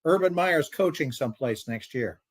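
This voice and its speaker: A man's voice: a little high, expressive, moderate pace, slightly rough, no echo. An older man on a sports panel, telling stories from his years covering the game, with many fillers. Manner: storytelling, knowledgeable, hesitant fillers. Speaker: sports talk panelist, former anchor. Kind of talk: casual sports banter.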